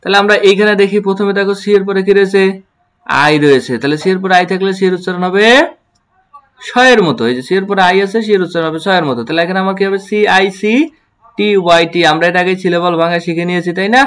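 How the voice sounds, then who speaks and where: A man teaching English pronunciation in an online lesson. He spells words letter by letter, repeats them slowly and asks his students questions that he then answers himself. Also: high-pitched, fairly bright tone, clean tone.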